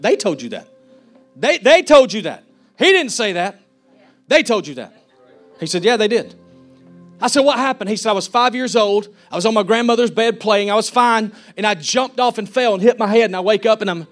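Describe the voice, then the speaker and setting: A man delivers a fervent sermon in a high-pitched voice, acting out each person he quotes. Soft music plays faintly behind him. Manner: fervent, preachy, acts out quotes. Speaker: pastor.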